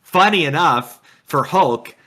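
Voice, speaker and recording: Man, podcast co-host, bright voice, excitable, laughs a lot, casual gaming chat. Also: on the high side, slow. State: tired late at night.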